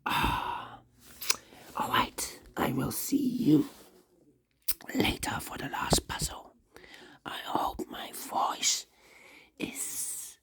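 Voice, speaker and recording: With a lost voice, the puzzle instructor explains a puzzle solution in a hoarse whisper, saying rule phrases repeatedly as they count cells aloud. Pitch is medium and the tone fairly bright.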